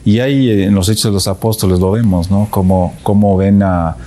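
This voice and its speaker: A man's voice: on the low side, steady tone, brisk, dark tone, a little hiss or hum. A man, a guest in a casual faith chat, who speaks in a thoughtful, hesitant way with frequent fillers.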